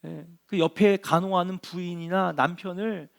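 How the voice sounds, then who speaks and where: A middle-aged male pastor delivering a sermon in an earnest, unhurried way. His voice sits a little on the higher side for a man. He leans on rhetorical questions and short affirming interjections. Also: steady tone, gravelly.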